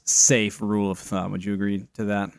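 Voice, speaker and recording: A man's voice: lowish voice, flat delivery, normal speed, gravelly, smooth, no room sound. A man co-hosting a casual podcast chat, talking in a wry, wordy, mock-formal way with a facetious streak. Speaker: fantasy football podcast co-host.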